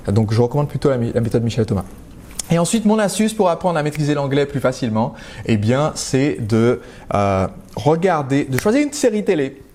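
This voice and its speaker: French man, live-stream host; warm, mellow delivery, direct and chatty, restarts often. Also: mid-range voice, slight background noise. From France. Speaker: entrepreneur hosting a live stream. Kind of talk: casual live-stream talk.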